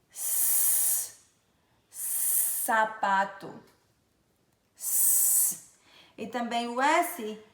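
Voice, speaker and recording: In a roomy space, a woman from Brazil with a fairly high voice and Brazilian accent teaches letter sounds, stretching every example into a slow, drawn-out demonstration as a Portuguese teacher.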